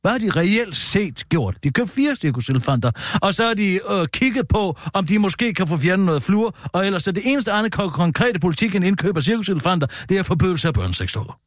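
A man with a fairly high voice that leaps up and down as he lectures in a bombastic, mock-authoritative way. He is a satirical radio comedy host, recorded dry and close on a studio mic. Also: very animated, few pauses, dry recording.

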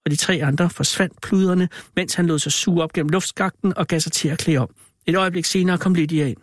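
A man's voice: fairly high pitch, fairly even intonation, no room sound, studio quality, lightly acted. A man voicing a male ape who tells a spooky story with dramatic, theatrical reading.

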